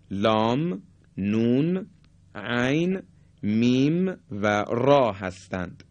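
A man teaching a lesson on how letters are pronounced, speaking deliberately and politely and sounding out examples aloud. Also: medium pitch, darkish tone. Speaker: Quran recitation teacher. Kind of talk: explanatory lesson on letter articulation.

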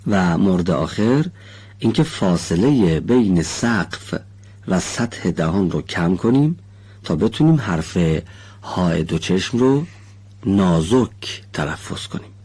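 Deep husky male recitation teacher. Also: expressive, a little mellow. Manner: polite, formal, patient explaining; slowly drawn-out demonstration syllables. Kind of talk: televised pronunciation lesson. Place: studio.

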